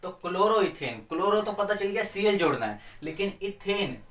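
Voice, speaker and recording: A male teacher runs a chemistry revision in a slightly higher voice, playful and quizzing the class as he answers his own questions. His sound carries the echo of a roomy space and comes from a few steps away from the mic. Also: sing-song, normal speed, fairly bright tone. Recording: echoey room, mic at a distance.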